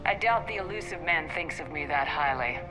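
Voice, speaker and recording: A woman's voice: low voice, lively intonation, fairly quick, music in the background, rough recording. An actress playing a dry, level-headed female military commander in a video game, speaking tersely. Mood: dry, steady. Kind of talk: video game cutscene acting.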